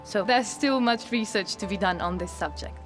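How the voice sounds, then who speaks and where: A woman's voice: medium pitch, moderate pace. A woman speaking as an expert in a documentary interview. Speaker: cave salamander expert. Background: prominent background music.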